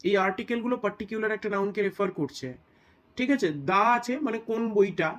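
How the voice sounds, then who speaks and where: A man's voice: high-pitched, fairly bright tone, highs cut off. Man teaching a step-by-step grammar lesson. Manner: explains step by step, checks in with "right?"; reads English examples slowly.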